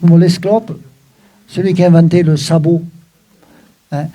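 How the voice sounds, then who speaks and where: Lively older man explaining word origins. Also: a little high, a little slow. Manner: lively, emphatic, frequent "hein" and "voilà" asides. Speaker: Occitan teacher. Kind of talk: explaining a text in a recorded talk.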